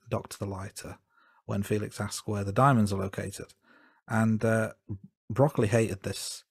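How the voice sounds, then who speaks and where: A man's voice: lowish voice, creaky, darkish tone, slightly rough, no echo, studio quality. A man co-hosting a film podcast, wry and self-deprecating, with frequent ums. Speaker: podcast co-host. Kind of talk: casual film review chat.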